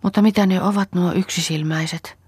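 A woman reading an audiobook, voicing a young woman gone mad in the forest, talking in frantic, excited bursts. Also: fairly low pitch, slightly rough, dry recording, pitched above the performer's own voice.

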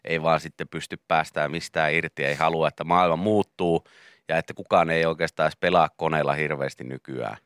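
A man's voice: a bass voice, steady tone, smooth, dry recording, clean studio sound. A man co-hosting a morning radio show, bantering casually and teasing with joking outbursts. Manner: teasing, jumps into loud joking shouts.

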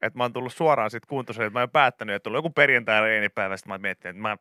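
A young man hosting a morning radio show, chatting casually and telling jokey stories with sudden shouted asides. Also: on the low side, no room sound, studio quality. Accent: Finnish. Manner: joking, animated storytelling with sudden shouted asides. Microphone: studio microphone.

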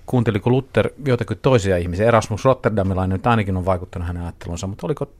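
A man's voice: low voice, a little mellow. A man hosting a panel discussion, posing questions and handing over to the speakers. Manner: asks questions, introduces speakers. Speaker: host.

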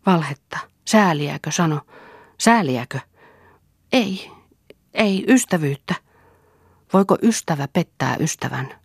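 Woman doing a wounded young man, bitter and scornful, husky voice, dry sound, audiobook figure. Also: low voice, animated, long pauses, dry recording, voice pushed up, full character voice. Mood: bitter anguish.

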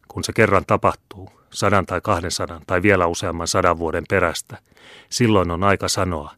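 A man's voice: low voice, fairly bright tone, dry recording, clean studio sound. A man voicing a fiery, bitter old peasant leader who speaks sternly, in an audiobook. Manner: stern, proclaiming.

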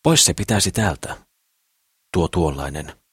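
A man's voice: sits low, animated, fairly bright tone, slightly rough, dry recording, clean studio sound, full character voice. A man voicing a suspicious, pious old woman who scolds and disapproves. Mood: grumbling.

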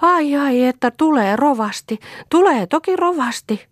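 A woman voicing a frantic, half-mad mother who calls out shrilly, almost shouting. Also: high voice, expressive, no room sound, clean studio sound, pitched above the performer's own voice.

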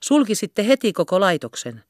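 A woman reading the part of a composed society lady who answers gently and carefully. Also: mid-range voice, big pitch swings, no echo, clean studio sound, pitched above the performer's own voice, close to an everyday voice. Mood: calm.

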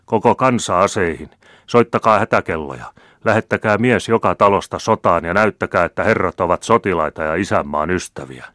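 A man reading an audiobook, voicing an older hot-tempered general who shouts fiery demands. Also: low voice, no echo, clean studio sound.

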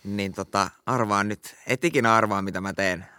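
Bright-voiced low man, playful podcast co-host. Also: clean tone, no echo, clean studio sound. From Finland. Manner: playful, jumps high in pitch when joking. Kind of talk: casual chat.

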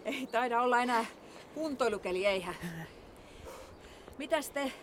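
A woman's voice: on the high side, lively intonation, noisy background, natural voice. A woman playing a friendly passing neighbor on a bike in a radio play.

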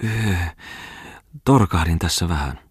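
A man's voice: deep voice, expressive, husky, no echo, clean studio sound, exaggerated voice. A man reading a novel aloud, voicing a pale, doubtful village shoemaker who speaks in a whiny, hesitant way. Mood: doubting. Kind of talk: audiobook character reading.

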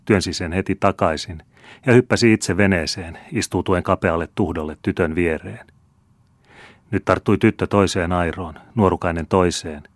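A man reading a classic novel aloud as an audiobook narrator, in a measured, even storytelling manner. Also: sits low, dry recording. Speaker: audiobook reader.

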